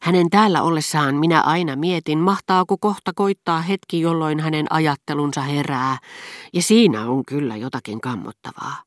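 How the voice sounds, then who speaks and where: A woman reading the part of a witty, sharp-tongued duchess in an audiobook, emphatic and mocking. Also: low voice, no echo, clean studio sound, voice pushed up, close to an everyday voice. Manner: emphatic, mocking, earthy chest voice.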